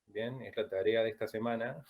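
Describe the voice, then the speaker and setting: A man from Latin America teaching a Chinese pronunciation class, who drills sounds slowly and checks in with "¿bien?" after each point. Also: on the low side, steady tone, dull audio. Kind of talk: online class lecture.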